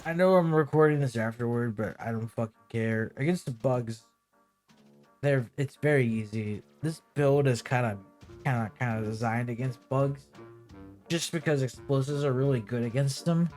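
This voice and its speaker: A young man in his twenties gives loose, casual gameplay commentary while fighting off hiccups. He rambles, swears freely and leans on fillers, speaking at a middling pitch. Faint music sits behind his voice. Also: moderate pace, a little mellow. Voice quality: rambling and profane, full of fillers. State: has hiccups. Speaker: gaming video creator.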